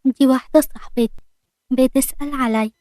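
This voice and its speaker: A woman voicing a young bride who hides her illness, soft and reassuring. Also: high voice, steady tone, fairly quick, no echo, lightly acted.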